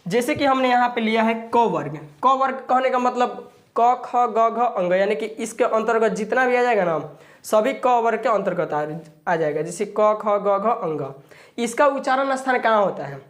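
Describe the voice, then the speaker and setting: A woman's voice: on the high side, lively intonation, moderate pace. A woman teaching a grammar lesson to viewers, patient, saying each sound aloud and asking the listener questions.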